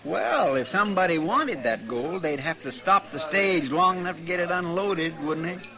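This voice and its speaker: An actor playing a folksy, guileless, gossipy marshal's helper with a rural American drawl in a 1950s radio drama. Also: male voice, sits high, expressive, normal speed. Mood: knowing. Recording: vintage radio broadcast, crowd behind.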